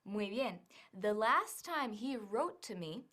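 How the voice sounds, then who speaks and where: A woman giving a scripted English lesson, modelling phrases slowly and carefully. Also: medium pitch, expressive, a bit bright. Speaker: English teacher.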